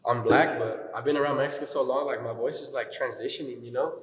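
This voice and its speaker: A man's voice: mid-range voice, fairly even intonation, fast talker, fairly bright tone. A young man being interviewed as a rapper, chatting casually in slangy, profane skater-dude style in an echoey room. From Tulare County, California. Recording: echoey room with long reverb.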